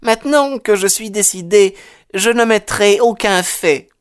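A reader voicing an anxious, earnest middle-aged widowed landlady who pleads and sighs in a raised pitch. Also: unhurried, clean tone, lightly acted. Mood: indignant. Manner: high, earnest and agitated, sighing.

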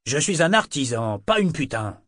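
A man's voice: fairly high pitch, very animated, moderate pace, a bit bright, dry recording, studio quality, voice pushed up. A man voicing an irritable, bitter small male tattoo artist who speaks harshly. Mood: furious. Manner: furious and harsh. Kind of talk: audiobook character voice.

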